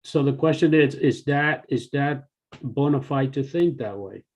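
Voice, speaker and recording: A man's voice: medium pitch, measured pace, a little mellow, low-quality recording. Hesitant older man on a video call. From born in El Salvador, raised in the US and Canada. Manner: hesitant, many fillers and restarts. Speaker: longtime devotee joining the call. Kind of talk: casual discussion on a video call. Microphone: video call computer mic.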